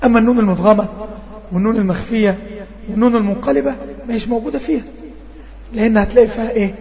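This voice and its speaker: A man with an Egyptian accent teaching Quran recitation in an online lesson, voice a little strained, drawing out sample words slowly and checking in often with his class. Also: sits high, steady tone, dark tone. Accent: Egyptian Arabic. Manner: slow drawn-out demonstrations of recited words. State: voice a bit strained. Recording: dull lo-fi audio with long reverb.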